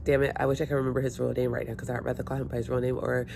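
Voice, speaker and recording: Her voice is extremely low, gravelly and darkish, level in tone but very fast, as a hungover, stuffy woman vlogs to her phone at home. Sitting in a room by the windows with the phone held or propped, she rambles chattily and mocks herself, with a little hiss or hum audible.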